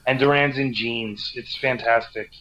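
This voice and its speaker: Man, mid-pitched voice, casual sports chat, co-commentator, slightly lo-fi muffled audio. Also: fairly even intonation, measured pace, sharp tone, a little hiss or hum. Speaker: boxing show co-commentator.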